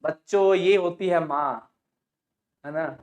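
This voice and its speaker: A man's voice: on the high side, a little mellow. A male teacher walks students through a play, narrating each scene. He stops often to quiz them with short questions. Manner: retells the scene, quizzes students with quick questions. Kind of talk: explaining a Hindi play to students.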